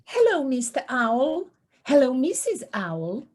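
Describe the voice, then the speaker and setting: A woman's voice: high-pitched, wildly swooping pitch, takes it slowly, darkish tone, heavily acted. A woman playing a tired, good-natured female mole in a children's audio play, exclaiming and drawing out her words. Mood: polite. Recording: home video-call recording.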